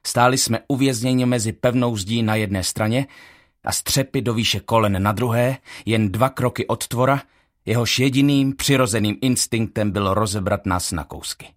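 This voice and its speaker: A man reading a first-person audiobook in a measured, tense storytelling manner. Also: mid-range voice. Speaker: audiobook narrator.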